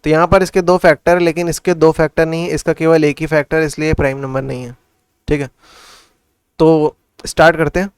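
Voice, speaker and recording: A man's voice: a little high, little pitch movement, brisk, clean tone, dry recording, studio quality. A man tutoring maths in casual Hindi mixed with English, working sums aloud and asking and answering his own questions. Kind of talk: casual classroom explanation.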